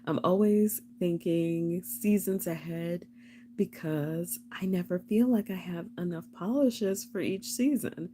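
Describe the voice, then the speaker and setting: A woman's voice: on the low side, slow, dark tone, slight background noise. A young woman hosting a casual live stream, chatting and rambling with frequent laughs.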